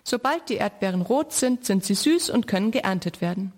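A woman reading the part of a kind grandfather, calmly explaining in a storybook reading. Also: medium pitch, moderate pace, natural voice.

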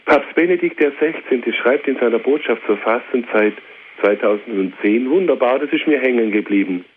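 A man's voice: medium pitch, animated, normal speed. A man preaching a fervent radio sermon, repeating phrases and appealing directly to his listeners. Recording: tinny phone-like radio with hiss.

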